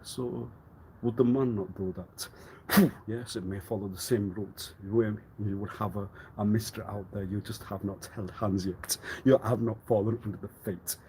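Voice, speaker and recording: A man rambling through a live stream monologue, swinging between loud outbursts and low muttering, often laughing and clearing his throat. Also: fairly even intonation, moderate pace, slight background noise. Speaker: livestreamer.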